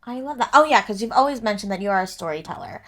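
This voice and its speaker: A woman hosts a relaxed podcast conversation. She talks in a chatty way, asking questions and adding quick asides of her own. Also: medium pitch. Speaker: podcast host. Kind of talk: casual interview.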